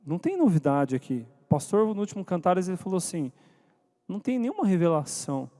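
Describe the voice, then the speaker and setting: A man's voice: high voice, sing-song, fairly quick, warm tone. A man giving an interactive church talk to couples, asking the audience questions and calling on people by name. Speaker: speaker at a church couples' meeting. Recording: long hall reverb.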